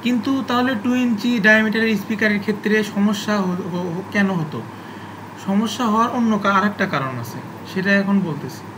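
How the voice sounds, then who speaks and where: A man with a high voice gives an informal, unscripted explanation of physics and electronics, halting often and repeating phrases for emphasis. The recording is clearly noisy, with a constant hum in the background.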